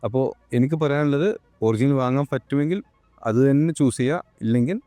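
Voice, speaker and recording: Male shop owner, mid-pitched, brisk persuasive promo read over faint music. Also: mellow, dry recording. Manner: earnest, persuasive, addresses viewers directly. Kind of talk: promotional talk to camera.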